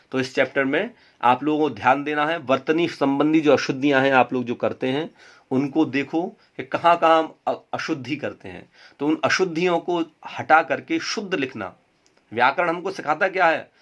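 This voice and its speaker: A man teaching a Hindi grammar lesson, repeating words and asking and answering his own questions. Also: medium pitch. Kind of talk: classroom lesson.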